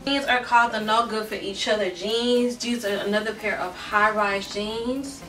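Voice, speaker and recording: A young woman with a bright, tense voice chats casually as she tries on clothes, dropping fillers and "y'all" as she goes. She is tired and out of breath. She sits back from the mic in her bedroom, which sounds roomy, with faint music underneath. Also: medium pitch, fairly even intonation, normal speed, far from the mic, a little hiss or hum. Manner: chatty, many fillers, says "y'all". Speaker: vlogger. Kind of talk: casual try-on haul chat.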